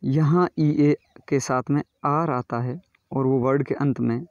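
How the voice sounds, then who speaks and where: A man teaching English pronunciation in a slow classroom style, reading word lists aloud and repeating each word. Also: medium pitch, steady tone, a little mellow, no echo. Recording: dull, lo-fi and dry.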